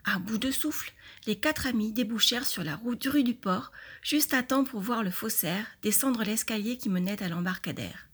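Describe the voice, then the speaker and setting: Husky woman reading a kids' mystery. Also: fairly high pitch, moderate pace, hardly any pauses. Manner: clear, expressive storybook reading. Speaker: storyteller reading to schoolchildren. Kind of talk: reading a children's mystery story aloud.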